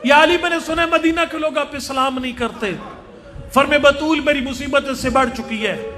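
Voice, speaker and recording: A man's voice: very high voice, pushed and bright. A man with a Punjabi-tinged Urdu accent delivering a mourning sermon at a mosque gathering, chanting and wailing as he speaks. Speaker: Shia orator. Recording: crowd and noise from a live gathering.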